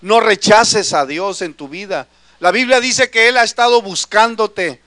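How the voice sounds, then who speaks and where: A man's voice: high-pitched, measured pace, sharp tone, no room sound. A man preaching a sermon in an earnest way, calling his listeners brother.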